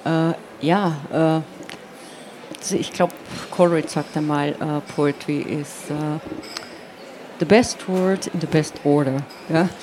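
A low-pitched, slightly mellow female voice with fairly even intonation belongs to a poet being interviewed. Originally from Carinthia, southern Austria, with Slovenian as her first language, she explains things reflectively, hesitating, searching, and frequently saying "ja," while clear ambient noise runs underneath.

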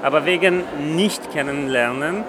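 A man from Afghanistan speaks slightly high, in plain and halting sentences with pauses. He is being interviewed in a big indoor event hall. The recording carries a clear layer of noise. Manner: simple, halting German with pauses. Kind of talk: casual interview talk.

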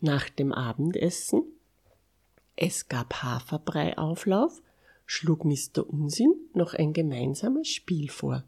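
A woman reading a bedtime story to children, expressive and dropping to a whisper for asides. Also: low-pitched, slow pace, creaky, breathy edge.

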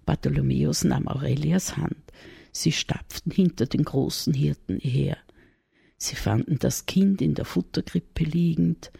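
A woman with an Austrian accent, an author calmly reading her own Advent story in a measured way. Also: low voice, gravelly, slightly rough, no echo, clean studio sound.

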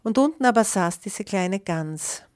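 A woman reading a children's picture book aloud in a lively way, pausing to describe the pictures. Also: medium pitch, clean tone. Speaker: storyteller.

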